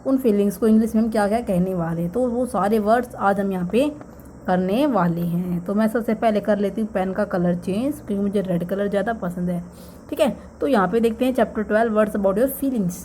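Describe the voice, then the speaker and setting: A woman teaches exam vocabulary in a mellow, relaxed voice. She explains slowly, repeats each key word and keeps checking that the class follows, with a faint hum behind her. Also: medium pitch. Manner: explains slowly and repeats key words, with many "thik hai" check-ins. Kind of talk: exam-prep vocabulary lesson.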